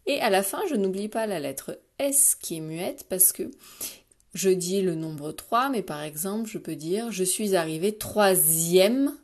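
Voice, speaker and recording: A woman teacher, giving a slow, carefully articulated spelling dictation to young pupils and addressing them directly. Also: mid-range voice, animated. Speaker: primary school teacher.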